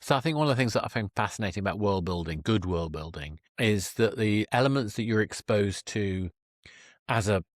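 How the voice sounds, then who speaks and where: A man hosting a conversational podcast interview comes across as thoughtful and wordy, searching for how to phrase things. His voice is fairly low with lively intonation and a brisk pace, recorded in studio quality with no room sound.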